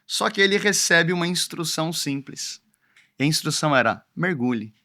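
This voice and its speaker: Bright-voiced preacher man. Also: on the high side, lively intonation, normal speed. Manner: emphatic preaching, repeats key phrases for note-taking. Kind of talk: sermon.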